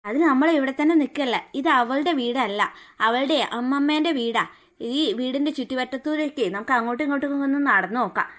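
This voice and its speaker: A woman's voice: high-pitched, fairly quick, a bit bright. Woman doing a bossy cartoon young man. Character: bossy young man chasing his crush. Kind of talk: cartoon voice acting.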